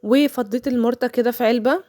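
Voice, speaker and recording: A woman's voice: a little high, fast talker, warm tone, no echo. A woman in her thirties with an Egyptian accent, a mother chatting casually through a home cooking voice-over and telling stories sprinkled with religious phrases. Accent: Egyptian Arabic.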